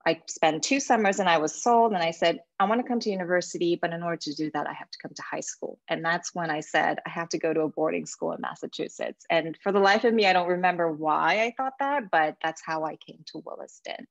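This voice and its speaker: A woman's voice: fairly low pitch, fast, gravelly, few pauses, no echo, lo-fi sound. A woman in her forties from Japan, a life coach giving an earnest talk to alumni with a few fillers. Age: 40s. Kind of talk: presentation to alumni.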